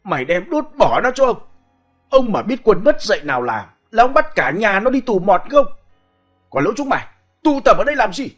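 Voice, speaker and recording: A man voicing a bullying, frightened old landlord who shouts and curses at his servants and the villagers. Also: sits high, sing-song, normal speed, long pauses, faint music behind, pitched above the performer's own voice. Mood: furious. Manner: shouting, cursing.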